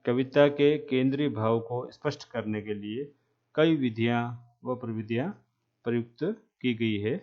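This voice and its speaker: A man lecturing trainee teachers, speaking slowly and repeating key terms, with frequent checks that the class is following. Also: medium pitch, dull audio. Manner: asks "है ना?" to check understanding.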